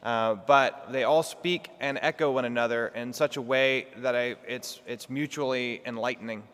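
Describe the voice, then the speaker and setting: Fast-talking man in an echoing church. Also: mid-range voice, fairly bright tone, clean tone. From Texas. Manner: fast-talking, trying to slow down and project. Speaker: guest lecturer. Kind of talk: lecture in a church. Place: large echoey church. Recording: long hall reverb in a church.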